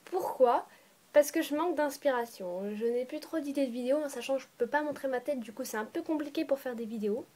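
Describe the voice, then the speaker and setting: A woman's voice: high-pitched, fast, a little mellow. A woman casually telling a personal story to her viewers, rambling and often correcting herself as she goes. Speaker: storytime vlogger. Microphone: phone or tablet voice recording.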